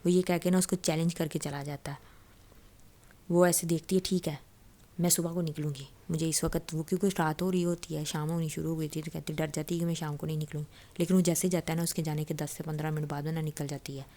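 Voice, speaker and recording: Low, flat-voiced woman storyteller. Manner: conversational, loosely paraphrases dialogue with frequent fillers and restarts. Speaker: storyteller retelling a novel. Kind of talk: casual spoken story retelling.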